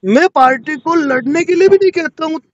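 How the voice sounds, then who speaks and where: Speaking a little fast in a very high voice, a man takes the role of a lawyer advising on a loan default by phone. He argues persuasively and insistently, asking more than once to be heard; the dull, lo-fi call sounds dry.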